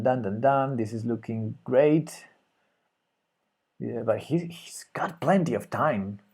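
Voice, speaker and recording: A man from Spain with a Spanish accent streams live chess, thinking aloud and hesitantly muttering his moves as he plays. His voice is medium-pitched and a little mellow.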